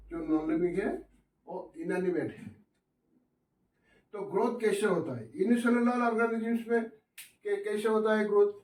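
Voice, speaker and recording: Heard from a distance in an echoey classroom, a male teacher with a high, darkish voice gives a Hindi biology lesson at the whiteboard. He sprinkles in English scientific vocabulary and poses questions to students before supplying the answers himself.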